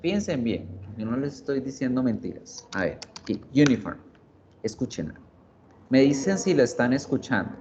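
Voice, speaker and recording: A man teaching a beginner English class online, patiently explaining and repeating words slowly for his students. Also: medium pitch, very animated, a little mellow. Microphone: computer mic on video call. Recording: dull audio with faint noise.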